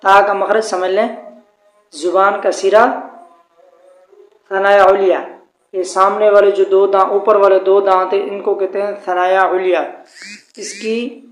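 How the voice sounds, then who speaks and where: Man, tajweed teacher, high voice, slow formal delivery, roomy echo. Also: level tone. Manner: slow, formal address with drawn-out demonstrated letters. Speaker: Quran recitation teacher. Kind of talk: tajweed pronunciation lesson. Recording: echoey room.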